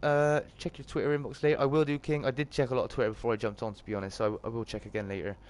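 A British live streamer and host chats with his viewers like mates, tossing out chummy greetings and off-the-cuff talk. His medium, mid-range voice carries a slight morning croak, and he races along in a flat delivery.

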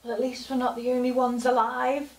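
A woman's voice: on the high side, flat delivery, a little fast, close to an everyday voice. An actress playing a tough, impatient young woman survivor, blunt and provoking. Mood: urgent. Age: young adult. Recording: roomy, distant, music underneath.

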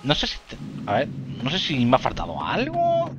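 A man's voice: medium pitch, huge pitch swings, moderate pace, muffled recording. A man commenting casually on a video game, rambling and thinking aloud, laughing often. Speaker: let's play gamer. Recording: game music loud underneath. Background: game music.

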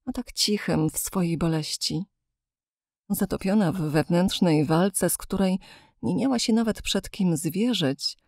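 A woman reader narrating a classic novel in an expressive, measured storytelling voice into a close studio microphone. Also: fairly low pitch, no room sound. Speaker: audiobook reader.

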